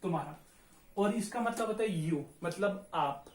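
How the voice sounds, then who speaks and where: A man from India teaching a Spanish lesson, who patiently repeats words slowly to drill pronunciation. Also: high-pitched, animated. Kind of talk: online language lesson. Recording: echoey room, faint noise.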